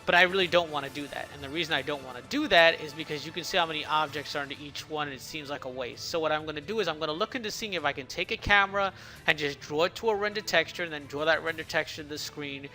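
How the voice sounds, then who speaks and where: An indie game developer narrates a devlog casually, explaining things quickly in a fairly high, sharp voice with faint music behind. A swollen lip slightly slurs his speech, and he stumbles now and then.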